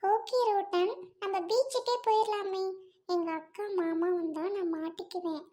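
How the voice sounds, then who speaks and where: A woman with a Trichy Tamil accent playing a gentle, loyal young friend in a comedy skit, soothing and reassuring. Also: very high-pitched, fairly even intonation, normal speed.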